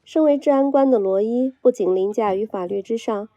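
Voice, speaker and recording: A woman narrating a film recap in a brisk storytelling delivery, reading a script. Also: a little high, warm tone, muffled recording, soft background music.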